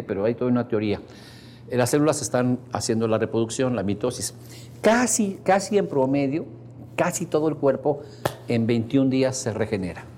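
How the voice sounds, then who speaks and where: A man's voice: mid-range voice, dark tone. A man with a Mexican Spanish accent leads a workshop for a live group in a mid-range voice. He explains in an easygoing, conversational way, with frequent asides to his listeners. Faint ambient noise sits under the recording. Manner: conversational, explains with everyday examples and checks in with the audience. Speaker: seminar instructor. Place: seminar room with a live audience.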